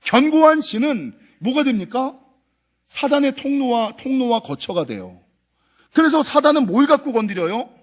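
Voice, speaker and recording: A man's voice: extremely high pitch, normal speed. A male senior pastor preaching a Sunday sermon in a church, acting out parents' scolding lines and asking the congregation questions. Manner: animated preaching, acts out scolding parents' voices; asks the congregation questions and answers them. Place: church sanctuary.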